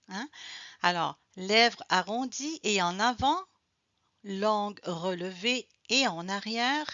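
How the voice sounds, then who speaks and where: A woman teaching French pronunciation, repeating each sound and word slowly and explaining in both French and English. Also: medium pitch, bright, forceful tone, dry recording. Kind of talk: slow bilingual pronunciation lesson. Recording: dull, slightly lo-fi dry recording.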